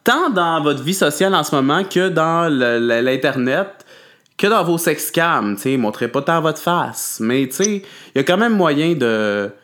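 Man, podcast co-host, casual chat, quick joking asides. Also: on the high side, expressive, a bit bright.

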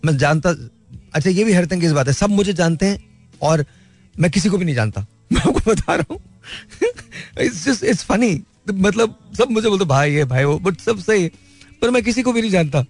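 A man's voice: a little high, darkish tone. A man talking in a casual, reflective way, earnest and mixing in English phrases. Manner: earnest, mixes in English phrases, laughs lightly. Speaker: speaker sharing life views.

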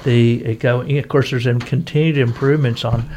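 A man chatting as a guest on a talk show, rambling and halting, with many restarts and a folksy way of putting things. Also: mid-range voice, steady tone, a little mellow, slight background noise. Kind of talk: casual radio chat.

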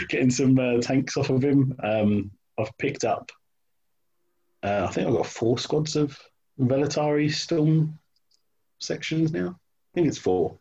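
A man's voice: medium pitch, animated, slow pace, long pauses, a little mellow, slightly rough. A man in casual chat about his hobby, hesitant, with many ums and restarts, on dull lo-fi call audio. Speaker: hobby wargamer guest.

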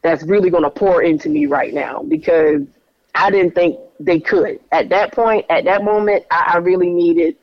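A woman tells her personal testimony in an expressive way and repeats phrases for emphasis. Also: lowish voice, moderate pace, dry recording. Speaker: guest telling her testimony. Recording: dry, slightly dull audio.

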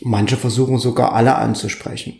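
A man's voice: mid-range voice, little pitch movement, brisk, creaky, a little mellow. A male podcast co-host with a sonorous, velvety voice, explaining thoughtfully in conversation and repeating phrases for emphasis. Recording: roomy, echoing sound.

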